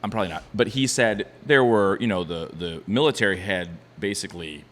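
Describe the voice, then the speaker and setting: A man's voice: fairly low pitch, fairly quick, fairly bright tone. A man co-hosting a casual podcast, telling stories in a rambling way with lots of restarts. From Ohio. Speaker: podcast co-host, bar owner. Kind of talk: casual chat. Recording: long reverb, faint background ambience.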